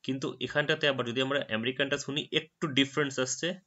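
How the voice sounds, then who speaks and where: A man whose first language is Bengali talks through an English vocabulary lesson over a screen recording, patient and methodical. He often slows right down to repeat a word. His voice is bright and forward, and the recording sounds a little dull and lo-fi. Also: medium pitch, fairly even intonation. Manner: explains patiently, repeats words slowly after a dictionary audio. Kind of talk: screen-recorded tutorial narration.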